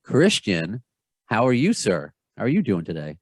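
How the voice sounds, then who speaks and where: A man in his thirties with a Long Island New York accent, hosting a podcast in a chatty, rambling, self-deprecating way. His voice is fairly low and sounds dry and close, with no room around it. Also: huge pitch swings, moderate pace, a little mellow, no echo. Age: 30s. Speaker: podcast host. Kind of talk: casual interview.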